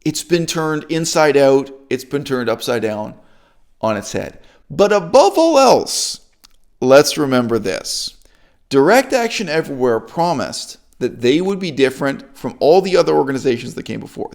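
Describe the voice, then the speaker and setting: A man giving an opinionated, sarcastic monologue as a channel host, emphatic and animated. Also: normal speed, gravelly. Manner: sarcastic, emphatic, lively swings of pitch. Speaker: YouTube commentator.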